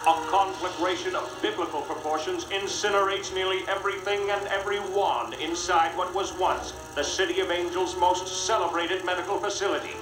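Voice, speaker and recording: An actor playing a dramatic 1930s newsreel announcer, with old newsreel narration and a punchy, declaiming cadence. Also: male voice, fairly high pitch. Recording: echoey old newsreel with music.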